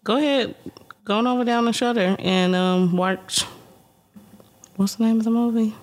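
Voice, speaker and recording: A woman's voice: a little high, normal speed. A young adult woman co-hosting a podcast in casual, teasing chat, laughing often. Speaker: podcast co-host.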